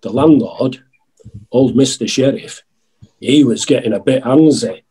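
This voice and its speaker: A man playing an earnest, genial out-of-work outlaw in a pantomime sketch, with a husky voice. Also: mid-range voice, measured pace, warm tone, poor audio. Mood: matter-of-fact.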